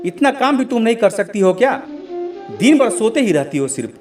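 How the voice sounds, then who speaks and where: A man's voice: high voice, sing-song, a little fast, over music. Man voicing a snappish young husband. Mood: angry. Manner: grumbling, snappish. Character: impatient young husband, short-tempered.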